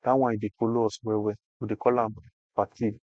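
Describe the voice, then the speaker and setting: A man's voice: on the low side, level tone, fast, dry recording, highs cut off. A Nigerian man explaining things conversationally in Nigerian Pidgin, emphatic and repeating phrases for effect. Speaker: interview guest explaining health insurance.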